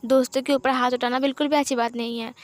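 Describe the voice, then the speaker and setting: A woman voicing a calm, kind father who mildly tells a boy off. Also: sits high, fast talker, lightly acted. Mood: gentle reproach. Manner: mild, admonishing. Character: gentle middle-aged father, calm and kind.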